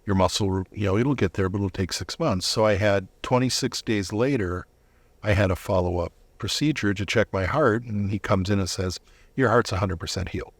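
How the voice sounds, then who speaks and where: With a lowish voice and no echo in the audio, a middle-aged interview guest recounts his personal testimony conversationally. He sounds reflective and halting, regularly rephrasing what he says.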